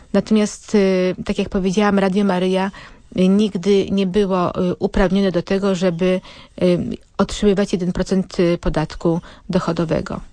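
A woman answering callers as a director on a radio phone-in, explaining things politely and haltingly. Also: mid-range voice, mellow, dry recording. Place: dry radio studio.

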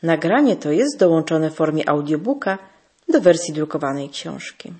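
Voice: mid-range voice, very animated, moderate pace, darkish tone, husky. A host presenting and interviewing in a formal, polite manner. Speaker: radio host. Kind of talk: scripted radio presentation.

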